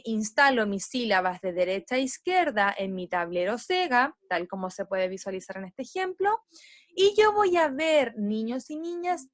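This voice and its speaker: A woman teaching young children, explaining step by step and drawing out syllables slowly as she models words. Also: fairly high pitch, dry recording, clean studio sound. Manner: slow, stressed syllables when modeling words. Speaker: primary school teacher.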